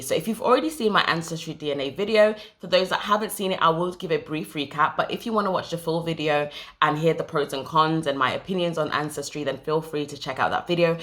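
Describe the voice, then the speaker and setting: Low bright-voiced woman vlogging. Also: quick pace. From Jamaica. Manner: chatty, reads from notes, explains step by step. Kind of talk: casual talk to camera.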